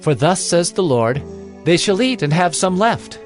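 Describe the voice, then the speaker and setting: A man's voice: high voice, big pitch swings, unhurried, soft background music, voice pushed up. A man voicing an old male prophet in a scripture reading, giving firm, declaiming commands. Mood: commanding.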